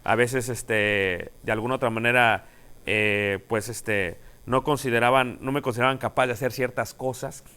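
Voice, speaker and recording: A middle-aged man with a Latin American Spanish accent, preaching a sermon in a conversational way that rises and grows forceful when he makes a point. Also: medium pitch, steady tone, moderate pace, smooth.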